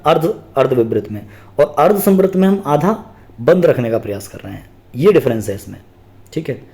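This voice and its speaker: A man's voice: on the high side, dark tone. A man teaching an exam-prep grammar lesson, explaining step by step, asking and answering his own questions and repeating key terms.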